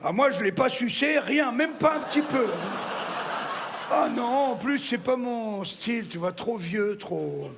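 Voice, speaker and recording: A man's voice: extremely high pitch, lively intonation, measured pace, creaky, noisy background, heavily acted. A man playing a brash, vulgar woman in her sixties who opens the show, swearing and teasing the audience from a theatre stage. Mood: crude teasing. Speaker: stand-up comedian. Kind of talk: live stand-up character act.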